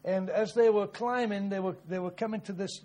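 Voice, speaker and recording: A man preaching a sermon in short phrases, pausing after each one for an interpreter. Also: high-pitched, steady tone, dark tone. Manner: emphatic, pauses for the interpreter.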